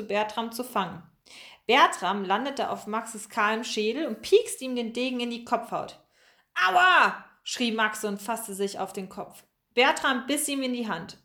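Woman reading a lively storybook. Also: fairly high pitch. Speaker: audiobook reader. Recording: echoey room.

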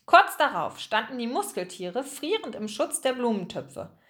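A woman narrating a children's audiobook, expressive and slowing down for suspense. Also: on the high side.

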